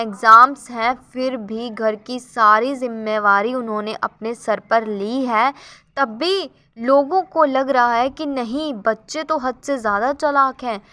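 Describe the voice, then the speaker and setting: Bright-voiced woman vlogger, earnest commentary. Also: on the high side, no echo. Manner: earnest, sympathetic, keeps addressing viewers as guys.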